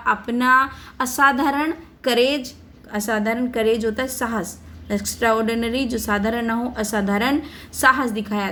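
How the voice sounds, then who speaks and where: A woman's voice: on the high side, a bit bright. A woman English teacher with an Indian accent, reading a text aloud phrase by phrase and then explaining it in Hindi mixed with English. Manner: reads English lines slowly, then explains them briskly in Hindi mixed with English. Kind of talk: explaining a worksheet text line by line.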